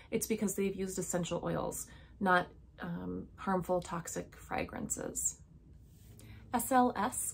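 A woman in her thirties speaks straight to camera from a small home office lined with bookshelves. Her voice sits at an ordinary middle pitch, and her delivery is earnest and instructive. She sounds like an educator advising parents, with frequent ums along the way. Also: gravelly, a little mellow, slight background noise. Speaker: health educator. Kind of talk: direct-to-camera educational talk.

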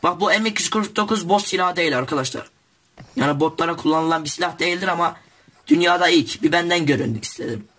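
A teenage boy casually commenting on his own gameplay, excitable and jokey, talking straight to his viewers. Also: on the high side, fast talker. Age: teens. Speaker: gaming YouTuber.

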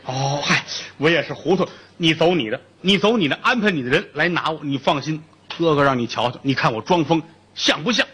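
A man's voice: on the high side, fairly quick, a bit bright, a little hiss or hum, close to an everyday voice. A man voicing a troubled, earnest middle-aged male outlaw in a spoken storytelling piece.

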